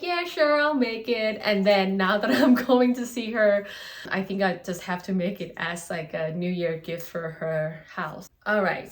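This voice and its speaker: A woman in her thirties from Thailand talks to the camera from a small home studio in a spare bedroom. She answers viewer questions in a loose, chatty way, full of "um" and "you know," and often amused at herself. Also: mid-range voice. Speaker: paper flower artist and studio owner. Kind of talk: casual vlog Q&A. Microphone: camera facing her.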